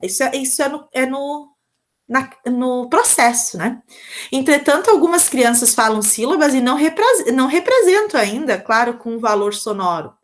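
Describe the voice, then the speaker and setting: A Brazilian woman with a slightly high voice teaches a recorded lecture over slides. She explains step by step in a patient, didactic way and keeps checking in with her listeners through short tag questions. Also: expressive, normal speed. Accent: Brazilian Portuguese. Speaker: teacher giving a lesson on early literacy.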